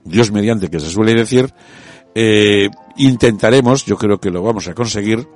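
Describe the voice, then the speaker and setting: A man hosting a radio talk show, speaking in a relaxed, conversational way with frequent hesitations. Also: lowish voice, moderate pace, faint music behind.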